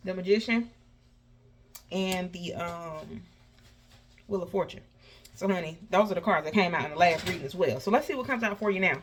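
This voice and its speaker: Reading tarot for her viewers, this host talks in a casual, sassy, folksy way, calling people honey and baby, and her s sounds come out with a slushy lisp. Her voice is lowish and moderately paced with long pauses, over slight background noise.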